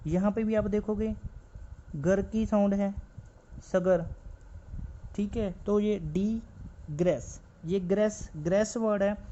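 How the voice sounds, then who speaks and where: A man's voice: high voice, slow pace, pauses often, mellow. A man teaching a stenography class, explaining shorthand strokes as he writes and repeating each word several times. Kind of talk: shorthand lesson, explaining while writing. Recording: slightly dull lo-fi recording with faint background noise.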